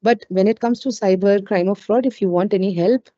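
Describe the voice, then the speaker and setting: A woman's voice: mid-range voice, brisk, mellow. A woman with an Indian accent giving an informal live webinar as a trainer, speaking conversationally with frequent "you know" asides. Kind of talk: informal live webinar talk with audience questions. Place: indoors on an online webinar call. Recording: roomy, dull lo-fi webinar audio.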